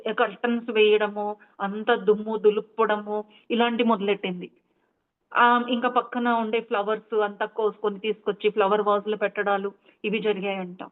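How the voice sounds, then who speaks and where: A woman meditation teacher retelling a story in a chatty, explanatory way, full of asides. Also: medium pitch. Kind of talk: storytelling talk. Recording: tinny phone-like line.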